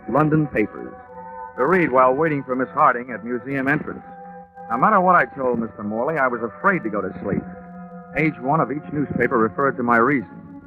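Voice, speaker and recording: A man's voice: mid-range voice, natural voice. Actor as a wry 1950s radio detective narrating his case; dull old recording with music under it. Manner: dry, wisecracking. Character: wisecracking, tired male insurance detective. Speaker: insurance investigator and narrator.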